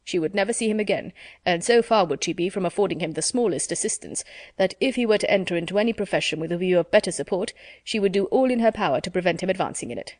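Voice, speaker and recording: A woman voicing a pompous, self-satisfied middle-aged gentleman in a storybook reading, measured and formal. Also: on the low side, lively intonation, no echo, clean studio sound.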